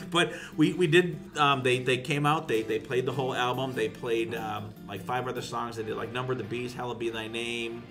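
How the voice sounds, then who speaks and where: A man co-hosting a podcast, talking casually in a middle-pitched voice. He rambles through long, profane stories. Music plays clearly underneath. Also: fairly even intonation, fairly quick, hardly any pauses, fairly bright tone. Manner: rambling, profane anecdote teller. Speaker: podcast co-host. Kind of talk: casual chat.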